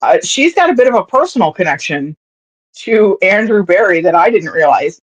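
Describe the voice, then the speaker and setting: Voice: medium pitch, very animated, normal speed. Chatty sports podcast host, rambles with lots of ums, kinda dull lo-fi sound. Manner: rambling storytelling with many fillers and restarts. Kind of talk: casual sports podcast chat. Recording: dull, slightly lo-fi audio.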